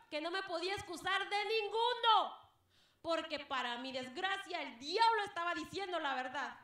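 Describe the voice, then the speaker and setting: A high, bright-voiced woman from Guatemala gives a fervent testimony to her congregation. She calls out to them as beloved brethren. Her voice rings through a very echoey church hall. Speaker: church member giving testimony.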